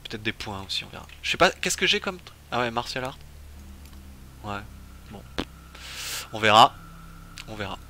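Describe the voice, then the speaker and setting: A man's voice: on the low side, very animated, moderate pace, long pauses, sharp tone, a little hiss or hum. A man streaming a game, commenting casually and thinking aloud with many fillers. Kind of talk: casual let's-play commentary.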